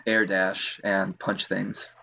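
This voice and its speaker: A man's voice: low voice, little pitch movement, slow, gravelly, bright, forceful tone. A man chatting casually on a podcast, hesitant, with many fillers and restarts. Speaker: co-host.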